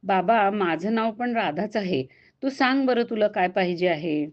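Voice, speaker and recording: A woman's voice: medium pitch, normal speed, highs cut off, natural voice. A woman voicing a playful, kind young divine woman who teases and coaxes. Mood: gentle. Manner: teasing, coaxing.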